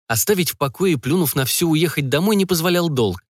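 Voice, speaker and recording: Measured man narrating an audiobook. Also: fairly high pitch, animated, no room sound, clean studio sound. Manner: measured and deliberate.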